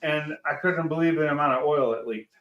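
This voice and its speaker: A man hosting a casual video-call chat from his home garage, plain-spoken and quick to grumble about his connection. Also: fairly high pitch, highs cut off. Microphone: laptop on a video call.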